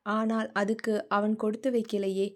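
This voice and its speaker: A woman's voice: mid-range voice, level tone, moderate pace, close to an everyday voice. A woman voicing a shy, wistful young wife in an audiobook romance. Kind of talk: audiobook character reading.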